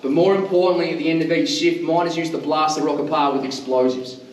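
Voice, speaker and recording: An Australian man works as a tour guide, using a loud teacher voice that is pitched a little high. His patter is informal and jokey, and it rings around an echoey underground space, picked up slightly away from the mic. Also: steady tone, quick pace, distant mic, slight background noise. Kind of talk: guided tour talk to a group. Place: underground mine tunnel.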